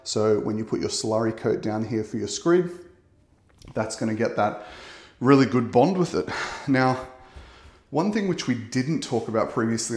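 A man, explaining waterproofing work in a relaxed way as he walks through a bathroom under renovation, filming on a phone. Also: medium pitch. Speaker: waterproofing expert. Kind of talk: on-site walkthrough explanation. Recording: echoey small tiled room.

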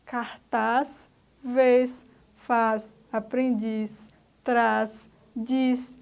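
A woman's voice: a little high, little pitch movement, drawn-out words, vocal fry, darkish tone, clean tone. A woman teacher with a Brazilian Portuguese accent, patiently explaining a grammar lesson to children step by step. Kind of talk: recorded remote school lesson.

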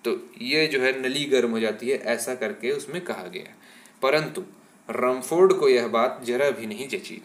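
A male teacher giving an exam-prep lesson, explaining step by step, often checking in with "ठीक है" and asking rhetorical questions. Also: mid-range voice.

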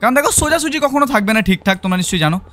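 Excitable man, Bengali accent, high voice, rapid chatter, game commentary. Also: soft background music. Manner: excitable, chatty, mixes in English phrases, shouts when startled. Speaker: gaming YouTuber. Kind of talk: excited let's-play commentary.

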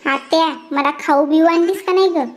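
Voice actor as sassy cartoon girl, chipmunk voice, teases her cousin. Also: moderate pace. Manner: sassy, teasing. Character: sassy fashionable young village girl. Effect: high pitch-shifted cartoon voice.

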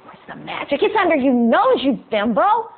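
A sarcastic enchanted groundhog with a high, brassy voice that leaps up when she is exasperated, as a woman puts her on. She scolds with no-nonsense impatience. The sound is thin and tinny, like a phone line. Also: big pitch swings, moderate pace. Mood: indignant.

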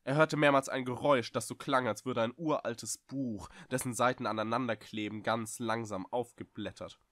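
A man reading a fantasy story aloud, expressive and vivid, with a dry close studio sound. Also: mid-range voice, normal speed. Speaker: audiobook reader.

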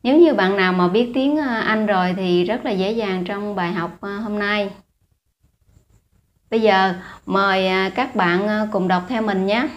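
A woman with a Vietnamese accent teaching a language lesson, reading letters and words aloud one by one in a deliberate manner with hesitant fillers. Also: medium pitch.

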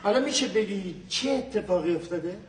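An actor playing a teasing, placating lawyer who is trying to calm his cousin, in a stage comedy. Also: sits high, a crowd in the background. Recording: distant echoey stage recording.

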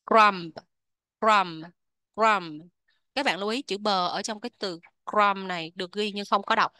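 A woman with a Vietnamese accent teaching English vocabulary, repeating each word slowly before explaining it. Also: medium pitch, pushed and bright, no echo. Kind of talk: vocabulary lesson.

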